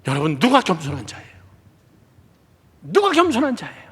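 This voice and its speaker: A man preaching a sermon as pastor, dramatic, swinging between loud exclamations and hushed whispers and leading the congregation in call and response. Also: sits high, huge pitch swings, moderate pace, slightly rough, long reverb tail. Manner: acts out quoted speech of biblical characters. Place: church sanctuary.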